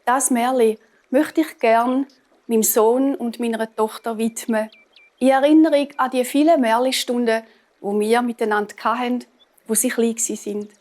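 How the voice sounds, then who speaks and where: A woman with a Swiss German accent, gently reading a fairy tale aloud as the show's storyteller. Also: fairly high pitch, fairly even intonation, moderate pace.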